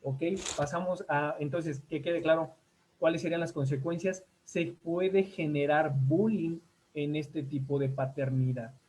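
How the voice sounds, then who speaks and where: A man's voice: fairly high pitch, measured pace, darkish tone, slight background noise, rough recording. A man with a Mexican accent, a school counselor giving a talk from slides, speaking conversationally with many fillers and checking in with listeners often. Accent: Mexican Spanish.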